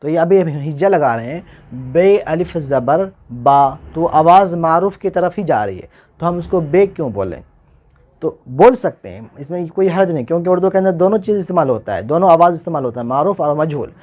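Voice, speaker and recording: A man hosting his own channel, giving an informal spoken lesson, explaining step by step and slowly repeating spelled-out letters. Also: on the high side, expressive, a little mellow. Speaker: teacher and channel host.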